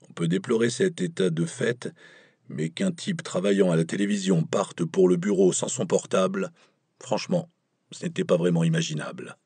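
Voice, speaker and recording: A man narrating an audiobook in the first person, measured and wry. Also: sits low, a little mellow, husky.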